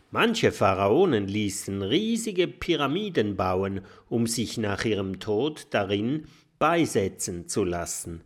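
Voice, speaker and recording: Kokosnuss: a man as a bright, eager little dragon boy, lively and unhurried. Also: on the low side, heavily acted. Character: young male dragon, friendly and clever.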